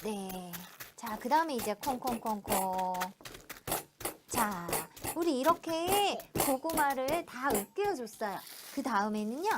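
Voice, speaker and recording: High, sing-song woman teaching a little kid. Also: expressive, slow, heavy background noise. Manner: encouraging, simple sing-song talk to a small child, with repeated sound words. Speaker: children's cooking teacher. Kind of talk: hands-on cooking lesson with a young child.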